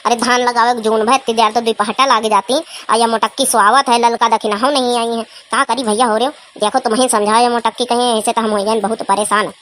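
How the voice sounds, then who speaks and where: A woman's voice: on the high side, fairly even intonation, brisk, few pauses, fairly bright tone, slight background noise, lightly acted. A woman voicing a grumpy old village woman in a comedy cartoon, scolding and nagging.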